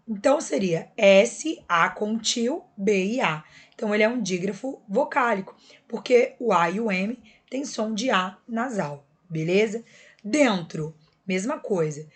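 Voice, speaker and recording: A woman teaches a lesson at a middle pitch. She breaks each point into small steps and keeps checking that her students are following. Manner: patient, step-by-step explaining, checking in often with listeners. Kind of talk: recorded classroom lesson.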